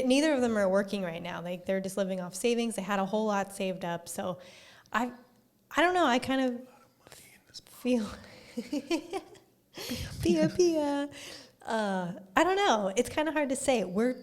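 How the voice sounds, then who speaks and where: A woman co-hosting a podcast in casual chat, frank and chatty, quick to laugh. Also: medium pitch, darkish tone. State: pregnant. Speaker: podcast co-host.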